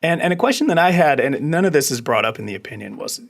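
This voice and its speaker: A man's voice: mid-range voice, very animated, fast, creaky. Man explaining a court case casually. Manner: explanatory, musing, frequent restarts. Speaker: attorney guest. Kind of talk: casual legal podcast discussion.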